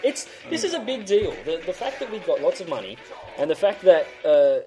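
A man co-hosting a sports podcast, ranting in a halting, casual way. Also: sits high, sing-song, mellow, faint music behind. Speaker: co-host.

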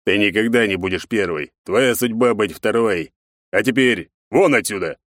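A man playing a cold, stern emperor father who talks deliberately and growls. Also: on the low side, fairly bright tone, no echo, clean studio sound, natural voice.

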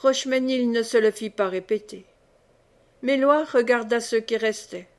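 A woman narrating a classic novel in a measured, expressive reading. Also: a little high. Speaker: audiobook reader. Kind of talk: scripted narration.

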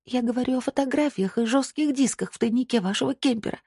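A scared young woman in captivity, her voice tense and accusing, raised high above the narration, as the storyteller puts her on. The husky tone sounds close and dry. It suits an audiobook scene. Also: quick pace, warm tone, no room sound. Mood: frightened.

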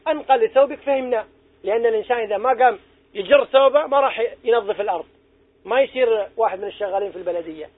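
Speaking very fast in a very high voice, this middle-aged preacher gives young people a religious lesson, urging them on earnestly and asking them questions. There's no echo, though the audio has a tinny, phone-like quality.

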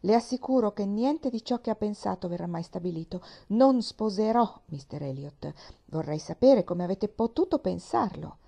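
A woman reading the part of Anne Elliot, a reserved young woman who speaks in an earnest, measured way. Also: medium pitch, animated, creaky, mellow.

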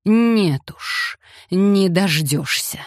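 A woman voicing a bitter, mocking young male aristocrat who speaks in hoarse, sarcastic outbursts. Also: low-pitched, slow, a little mellow, no echo, studio quality.

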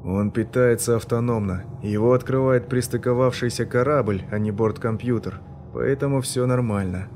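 Gruff commanding officer, voiced by a male narrator; curt, grumbles, barks orders. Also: medium pitch, moderate pace, few pauses, darkish tone, soft background music, lightly acted.

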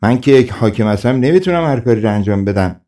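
A man voicing a proud, quick-tempered ruler in a folk tale audiobook, speaking haughtily and irritably. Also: mid-range voice, lively intonation, dark tone, close to an everyday voice. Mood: haughty.

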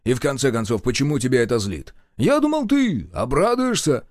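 A man's voice: medium pitch, very animated, no room sound, clean studio sound, lightly acted. A man voicing a sly, sarcastic male informant who mocks and needles others, in an audiobook. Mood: indignant. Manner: sly, mocking, drawn-out. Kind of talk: audiobook character voice.

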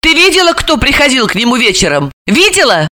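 A frantic, jealous young sister from an audiobook, her voice flying high and shrill as she sobs out accusations, performed by a woman narrator. The tone is lively and bright, swinging wildly in pitch. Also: normal speed. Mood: hysterical accusing. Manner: tearful, accusing, shrill outbursts. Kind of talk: audiobook character voice.

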